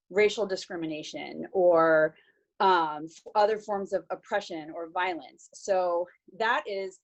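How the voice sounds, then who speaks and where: A workshop participant recounts a conversation she had there, speaking in a fairly low-pitched voice whose highs are cut off. It's a casual video-call recap, and she is earnest but hesitant, with lots of false starts.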